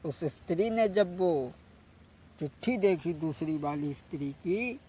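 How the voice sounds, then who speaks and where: A man with a rural north Indian accent telling a folk tale in drawn-out singing and spoken narration, recorded on old worn tape. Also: a little high, lively intonation, mellow. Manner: long drawn-out sung lines, plain spoken narration between. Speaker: folk ballad singer and storyteller. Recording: muffled, noisy old worn cassette tape.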